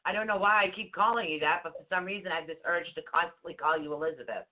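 A woman's voice: lowish voice, quick pace. A woman hosting an online talk show, chatting in a rambling, self-interrupting way, a bit stuffy with allergies. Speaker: show host. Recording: tinny phone-like call audio.

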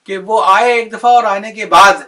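A man retelling a memoir as casual talk, animated, acting out the quoted dialogue. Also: high-pitched, far from the mic.

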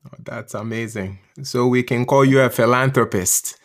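A man's voice: mid-range voice, steady tone, moderate pace. A man hosting a podcast, asking his guest questions in a friendly, upbeat, casual way. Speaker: podcast host. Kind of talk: casual interview.

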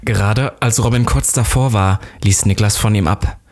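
A man reads a story aloud in a somewhat low voice. He stops now and then for amused, joking comments. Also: normal speed, darkish tone. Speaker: co-host reading a story aloud. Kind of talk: reading a story aloud with banter.

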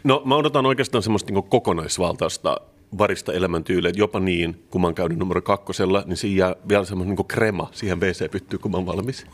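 A male podcast co-host with a very deep voice. He trades dry, playful jokes in relaxed chat. The talk is loose and comedic.

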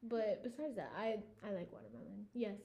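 A woman's voice: mid-range voice, gravelly, lo-fi sound. A young American woman co-hosting a podcast, chatting casually and giggling often with lots of fillers. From United States. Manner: giggly, many fillers, quick asides. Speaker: podcast co-host. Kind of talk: casual chat.

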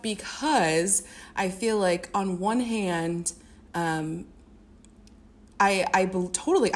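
A young woman from the American Midwest, a singer and music therapist, chatting as a podcast guest with many fillers and restarts. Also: lowish voice. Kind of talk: casual interview.

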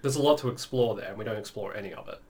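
A man's voice: fairly low pitch, very fast, crowd noise. Sarcastic, opinionated man on a podcast. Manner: sarcastic, opinionated, swears casually. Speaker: podcast co-host. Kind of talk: casual chat.

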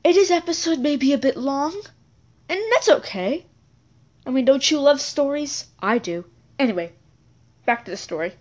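Chatty woman with a high, lively voice. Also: normal speed, long pauses. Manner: rambling, self-correcting, chatty asides. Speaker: storyteller. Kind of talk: casual storytelling episode.

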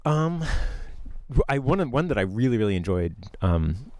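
A man's voice: medium pitch, sing-song, normal speed, darkish tone. A man, a musician guest, giving thoughtful, meandering answers in an interview conversation. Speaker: musician guest, artist in residence.

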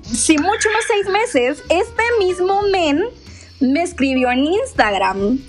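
A woman of twenty-nine, co-hosting a casual chat. She tells stories in an animated way, swears freely and acts out the dialogue. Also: very high-pitched, slow pace, faint music behind. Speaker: podcast co-host.

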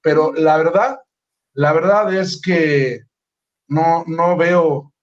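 Mexican man, slightly raised pitch, muffled. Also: very slow. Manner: relaxed, hedging with "o sea" and "la verdad". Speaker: football show panelist. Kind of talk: casual sports analysis.

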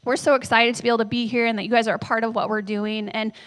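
A woman's voice: fairly high pitch, flat delivery, very fast, a bit bright. A woman in her thirties preaching a sermon in a church on a handheld microphone, talking conversationally, telling family stories and asking the audience questions. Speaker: pastor.

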